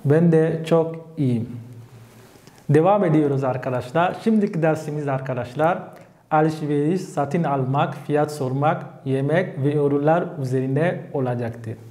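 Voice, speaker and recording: A man teaching French vocabulary, saying each word slowly and repeating it for learners. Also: fairly high pitch, mellow. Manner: slow, deliberate, repeats each word twice. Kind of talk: vocabulary lesson.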